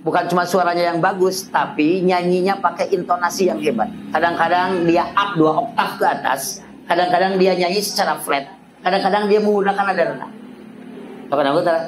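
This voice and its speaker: Sundanese-accented preacher with swooping pitch. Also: male voice, fairly even intonation, a little fast, low-quality recording. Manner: swings pitch high and low for effect, mixes in dialect. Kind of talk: casual sermon. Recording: live talk with ambient noise.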